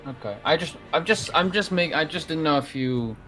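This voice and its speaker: A man's voice: a little high, expressive, fairly quick, pushed and bright, faint music behind. Casual swearing man at a game table. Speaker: player.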